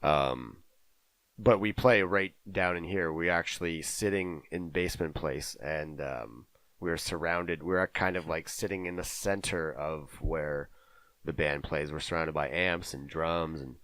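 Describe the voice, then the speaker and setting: Very deep-voiced, slow-talking man. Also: fairly bright tone, no room sound. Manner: halting, lots of filler and restarts. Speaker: podcast co-host. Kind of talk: casual chat. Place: home basement music room.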